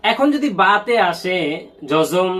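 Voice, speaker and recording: A man teaching Quran recitation rules in an online lesson, asking and answering his own questions and chanting sample words slowly. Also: sits high, lively intonation, fairly bright tone.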